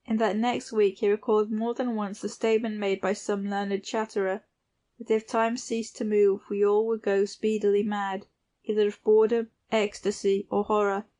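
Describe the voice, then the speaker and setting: This is a female narrator voicing literary fiction as an audiobook, pitched in the middle range. She keeps a normal speed, and her delivery stays level and restrained throughout.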